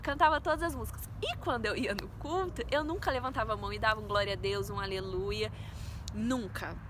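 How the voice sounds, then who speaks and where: Over background noise, a Brazilian Portuguese-accented vlogger in her twenties speaks at a medium pitch and slightly quick pace. She earnestly recounts her faith testimony as a story, calling her viewers "gente."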